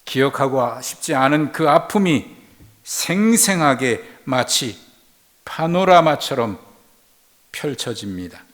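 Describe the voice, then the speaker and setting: A male pastor delivering a sermon, retelling a story slowly and reflectively. He swings between hushed, near-whispered passages and loud, emphatic lines. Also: medium pitch, lively intonation.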